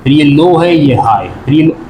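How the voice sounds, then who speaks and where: A male teacher with a Karachi Urdu accent lectures a class, taking each step slowly. His voice sits slightly high, and he stops to question the students and count things out with them. The room rings with echo, and a faint hum of noise sits behind him. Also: expressive. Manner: explains step by step, counts syllables aloud, asks the class questions.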